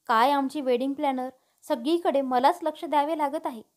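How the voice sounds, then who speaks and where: A woman's voice: sits high, moderate pace, lightly acted. A woman voicing a fussy, nagging middle-aged mother in a storybook reading. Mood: scolding. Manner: teasing, nagging.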